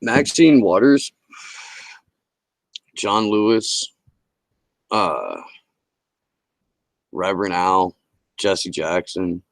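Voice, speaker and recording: A man's voice: animated, extremely slow, pauses often, no echo. A man hosting a livestream, talking casually and emphatically about politics with heavy swearing, heard over close headset-style audio. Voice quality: low-pitched voice. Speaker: livestream talk show host. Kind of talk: casual political rant to a live chat.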